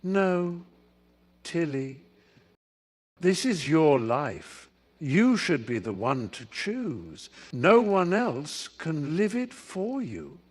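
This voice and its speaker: A man voicing a defiant young woman, with slow, earnest, insistent speech in a storybook reading. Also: fairly high pitch, sing-song, voice pushed up, full character voice.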